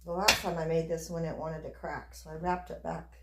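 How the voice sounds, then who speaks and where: A woman with a fairly low voice talks casually through a hands-on craft demonstration. Her delivery is unhurried and chatty, partly as if murmuring to herself. The room adds a clear echo around her words. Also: flat delivery, bright, forceful tone. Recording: echoey room.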